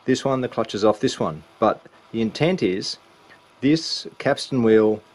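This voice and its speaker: At a workbench, a man demonstrates a belt change in an informal, step-by-step way. His voice is medium-pitched with lively intonation and a measured pace.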